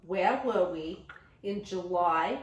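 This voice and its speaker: A woman's voice: lowish voice, takes it slowly. A woman playing a gushing, chatty talk show host who peppers her talk with Yiddish exclamations, in a comedic sketch for nurse education. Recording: roomy sound from a distant mic.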